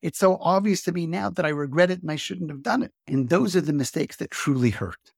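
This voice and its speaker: A man hosting a podcast, explaining ideas in an earnest, steady lecture style. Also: on the high side, brisk, gravelly, dry recording, clean studio sound. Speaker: podcast host.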